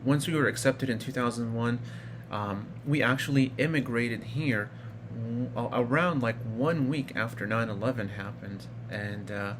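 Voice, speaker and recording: A man in his thirties from Iraq vlogs about his own experiences in a loose, rambling manner, with fillers and restarts throughout. He talks unhurriedly in a mid-range voice with few pauses, over a noisy background.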